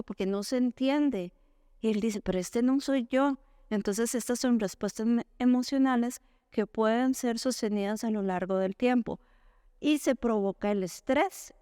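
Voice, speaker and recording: A woman giving an educational talk to parents. She explains step by step, asks the audience questions and answers them herself, and acts out quoted parents and children in a higher voice. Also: darkish tone, clear, resonant tone, no room sound, studio quality. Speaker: school talk speaker for parents.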